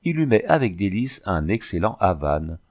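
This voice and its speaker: A man reading a classic novel aloud as an audiobook narrator, in steady, measured storytelling. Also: deep voice. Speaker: audiobook reader. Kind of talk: scripted narration.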